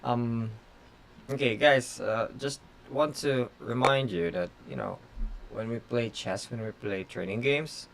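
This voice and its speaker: During casual live-stream commentary on his blitz games, a chess grandmaster, Tagalog his first language, talks in short, faltering phrases laden with fillers. The man's mid-range voice is expressive, gravelly and a bit bright, over slight background noise.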